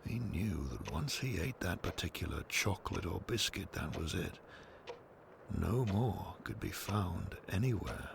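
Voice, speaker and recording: Reading like a storybook, a man with a low, gravelly voice tells an audio drama slowly and with measured care. He sounds expressive, and noticeable noise and ambience sit behind him.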